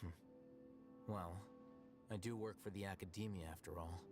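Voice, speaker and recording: An actor voicing an aloof, sharp-witted male scholar in a video game, speaking in a measured, dry, unhurried way. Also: low-pitched, steady tone, over music, close to an everyday voice. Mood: cool.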